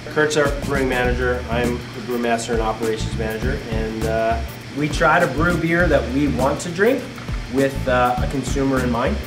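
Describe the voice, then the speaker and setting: A man's voice: mid-range voice, moderate pace. A man, a brewmaster, chatting casually and joking about a brewing competition in a brewery. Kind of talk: casual promo chat. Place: brewery taproom. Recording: echoey room, distant mic, music behind.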